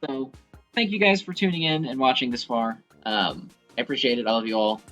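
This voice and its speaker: Over video game music, a man who makes and hosts gaming videos chats loosely about the game with a fan's enthusiasm and some mild cursing. He talks briskly in a mid-range, fairly bright voice.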